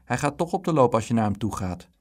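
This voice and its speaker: A man voicing a calm, sensible twelve-year-old girl who speaks gently and coaxingly. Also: medium pitch, quick pace.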